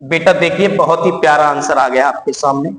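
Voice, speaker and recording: A man teaches physics at a board in a high, carrying voice. He quizzes his class and answers his own questions, calling the students "beta" as he goes. The sound bounces around a roomy space with a long reverb. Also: brisk, fairly bright tone. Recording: echoey room.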